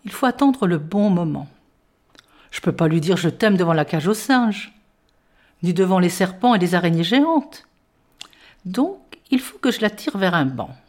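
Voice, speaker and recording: A woman reading a children's story aloud in a playful, expressive way, narrating as a young boy in the first person. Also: mid-range voice.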